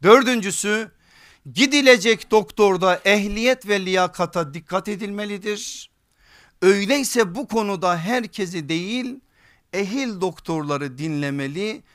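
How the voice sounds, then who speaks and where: A man's voice: high-pitched, fairly bright tone. A man preaching a sermon from a pulpit microphone, emphatic, repeating his points and checking with rhetorical questions.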